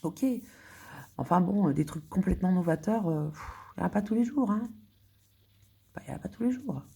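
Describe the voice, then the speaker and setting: A woman's voice: on the low side, a little fast, creaky, warm tone, slightly rough. A woman from France thinking aloud in a casual monologue, muttering and whispering to herself as she searches for words, with indignant outbursts. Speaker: vlogger.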